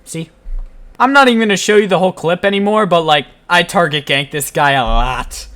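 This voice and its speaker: High-voiced joking gameplay commentator. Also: male voice, fairly quick. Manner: playful, self-mocking, deadpan jokes. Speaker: gaming channel host.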